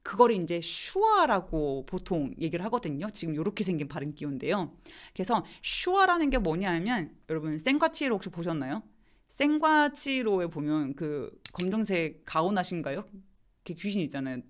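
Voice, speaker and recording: A woman teaching English pronunciation in a live online lesson, slowly demonstrating words and answering viewer questions. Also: fairly low pitch, big pitch swings.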